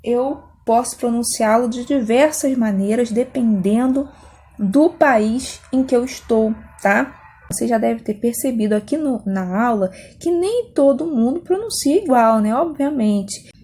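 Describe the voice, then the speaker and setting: A woman's voice: on the high side, animated, a little slow, dark tone, slightly rough. A woman with a Brazilian Portuguese accent explaining a language lesson patiently, often checking in with her students. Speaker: Spanish teacher.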